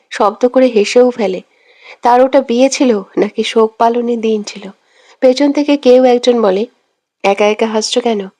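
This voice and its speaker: A woman's voice: on the high side, dark tone. A woman narrating a romantic audio story, reading all of the characters' lines herself with only small changes of voice. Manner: reads every part herself, quoted lines only slightly marked.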